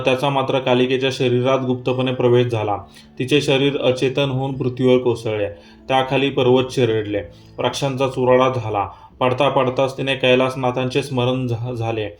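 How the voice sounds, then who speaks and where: A man recites a devotional scripture chapter at a steady pace, stumbling now and then. His voice sits at a medium pitch and stays flat and even. Faint instrumental music plays behind him. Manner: steady recital with small slips and fillers. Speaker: reader of scripture.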